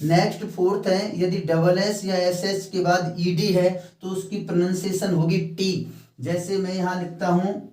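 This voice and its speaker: A man teaching a phonetics lesson, explaining each point slowly and step by step, slipping English terms into his talk. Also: high-pitched, level tone, darkish tone, distant mic. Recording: echoey room, mic set back.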